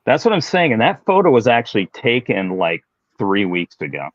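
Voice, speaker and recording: Deep-voiced man in his late fifties. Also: moderate pace, no echo, dull audio. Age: 50s. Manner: relaxed, self-deprecating, explanatory. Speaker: guest, fitness professional. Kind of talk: casual interview storytelling.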